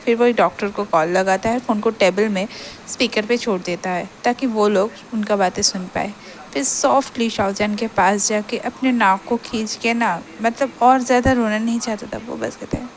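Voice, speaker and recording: A woman's voice: mid-range voice, moderate pace, slight background noise. A woman retelling a romance story in a chatty, emotive way.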